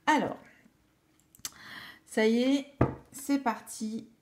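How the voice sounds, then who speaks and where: A woman's voice: on the high side, steady tone, drawn-out words. A woman giving a casual, enthusiastic tarot reading, hesitating often with fillers and restarts. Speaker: tarot reader.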